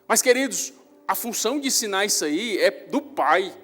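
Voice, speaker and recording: Young male pastor, Northeastern Brazilian accent, sermon, animated and emphatic, high voice, faint music under a long church echo. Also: normal speed. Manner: animated storytelling, rising loud on emphasis. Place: church hall.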